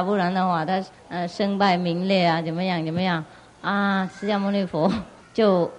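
A woman spiritual teacher telling a story in a sermon, animated and laughing often as she goes. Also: medium pitch.

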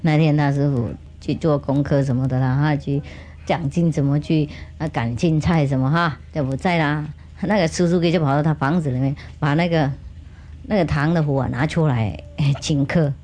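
A woman spiritual teacher telling a funny story to children in an animated, humorous way, with chatty asides. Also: low-pitched, moderate pace.

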